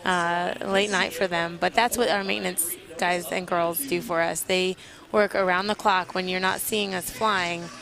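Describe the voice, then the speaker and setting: A woman's voice: on the low side, steady tone, normal speed, gravelly, a crowd in the background, poor audio. A woman from a military flight team giving live air show commentary as an interview guest, explaining things informally.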